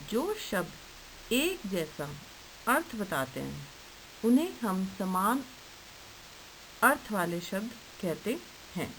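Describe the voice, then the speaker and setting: Slow, patient woman teaching young children. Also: medium pitch, rough recording. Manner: slow, patient, asks questions and answers them herself. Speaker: primary school teacher. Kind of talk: online lesson for young children. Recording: faint hiss.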